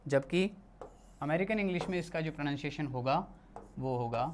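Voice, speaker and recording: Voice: medium pitch, expressive, normal speed, a little hiss or hum. A teacher from India giving a classroom lesson, explaining patiently and often repeating and correcting themselves. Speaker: English teacher.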